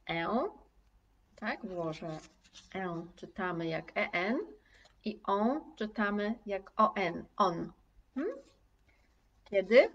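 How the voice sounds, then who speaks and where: A woman teaching a live online lesson, speaking slowly and clearly, repeating each word for her students and reading their comments aloud. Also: on the low side, a bit bright, distant mic. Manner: slow, carefully articulated, repeating words for students. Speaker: language teacher.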